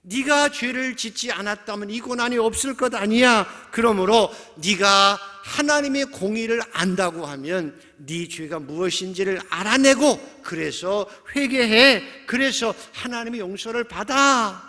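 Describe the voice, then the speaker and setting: A man's voice: fairly high pitch, a little slow, creaky, fairly bright tone. A male pastor voicing friends who lecture and accuse a suffering man. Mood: lecturing. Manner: scolding, insistent, lecturing. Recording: reverberant church hall.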